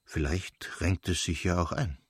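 A helpless, remorseful nobleman pleads in soft, low tones, as a male reader plays him. His voice is husky and dry. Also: fairly even intonation, unhurried, dry recording. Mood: wry, resigned.

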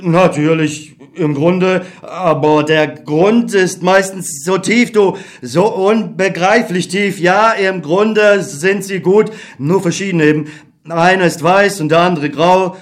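A man's voice: high voice, unhurried. A man voicing a weary, bitter young ex-soldier who speaks with mocking irony, in a dramatic reading of a stage play.

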